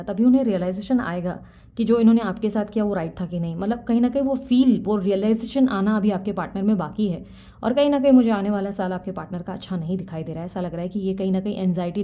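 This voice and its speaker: A young adult woman giving a tarot reading, talking fast and earnestly and mixing English words into her Hindi. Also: medium pitch, warm tone. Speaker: tarot reader.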